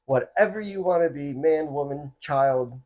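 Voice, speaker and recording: A man from Florida hosting a casual podcast chat, animated and laughing, with lots of filler words. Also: on the high side, a little slow, highs cut off. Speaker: podcast host.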